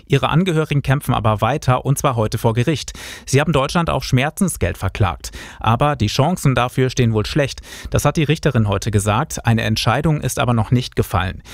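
A man presenting regional radio news from a studio, reading in a steady, even way. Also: mid-range voice, fairly quick, no echo. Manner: steady, even newsreader delivery. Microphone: studio microphone.

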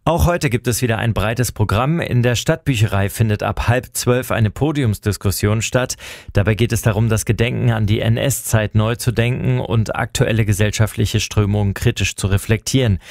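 A man reads a prepared news report for the radio in an even, informative tone. His voice is low with a gravelly edge, and the recording is close and dry. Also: no room sound.

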